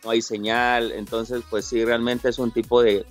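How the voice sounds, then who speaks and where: A young man, born in Italy and raised in Mexico, answers interview questions casually as a guest and top game player, speaking with a Mexican Spanish accent. His medium-pitched voice is level and at normal speed; he's friendly, repeats words, and uses many fillers. Soft music plays in the background.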